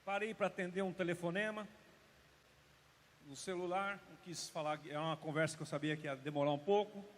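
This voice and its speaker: A pastor with a strikingly high voice delivers an Easter sermon, shifting between emphatic declarations and hushed storytelling. His words ring out with a long reverb trailing behind them, as in a large church hall. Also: steady tone, fairly quick, slight background noise. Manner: storytelling, emphatic, drops to hushed tones for drama. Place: church service.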